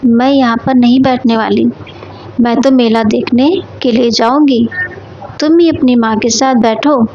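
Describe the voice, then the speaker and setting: A woman's voice: on the high side, fairly even intonation, a little slow, dark tone, a little hiss or hum. A woman voicing a stubborn, scornful young daughter-in-law who complains, on a dull lo-fi recording.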